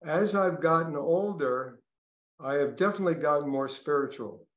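An older man with a Brooklyn accent, a podcast guest speaking reflectively with pauses and restarts. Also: on the high side, echoey room. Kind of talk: podcast interview.

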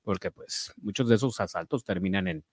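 A man with a Mexican accent co-hosting a casual celebrity gossip chat, relaxed and reactive. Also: lowish voice, fairly quick, breathy edge, no room sound, studio quality. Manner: relaxed, brief reactive interjections. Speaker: show producer and co-host.

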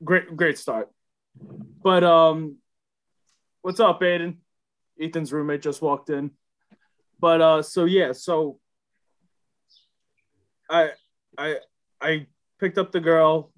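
Young male co-host, animated storyteller with a loose, profane tone. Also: on the high side, slow, long pauses. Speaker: podcast co-host. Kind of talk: casual storytelling chat.

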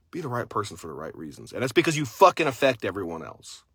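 A man delivers a fierce motivational rant, swearing at every turn and pushing his listeners hard. His voice is forceful and bright, and it sounds close and dry with no room around it. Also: on the low side, wildly swooping pitch, fairly quick, husky, no echo. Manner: intense, blunt, swears constantly. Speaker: motivational speaker; father.

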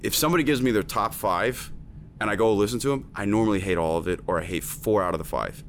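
With a lowish voice and a fast delivery, a man who produces and teaches music chats informally, stressing his points hard and leaning on lots of fillers. A little hiss or hum is present.

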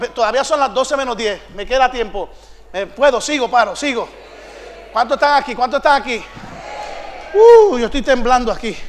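A man with a strikingly high voice preaching in a church, pressing the congregation with question after question and rising into shouts. Long reverb from the sanctuary hangs on every line. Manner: rhetorical questions to the congregation, building to shouted climaxes. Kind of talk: sermon.

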